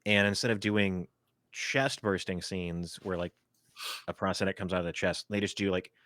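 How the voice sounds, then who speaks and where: A man's voice: low-pitched, steady tone, normal speed, a bit bright, no echo, clean studio sound. A man co-hosting a podcast, chatting casually about movies in a rambling way with many fillers. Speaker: podcast co-host. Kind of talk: casual film discussion.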